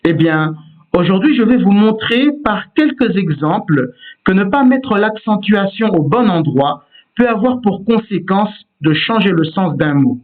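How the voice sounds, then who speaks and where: A man's voice: high-pitched, animated, measured pace. A man giving a patient, explanatory lesson on Hebrew word stress, demonstrating each pronunciation himself. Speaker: Hebrew teacher. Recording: tinny phone-like sound.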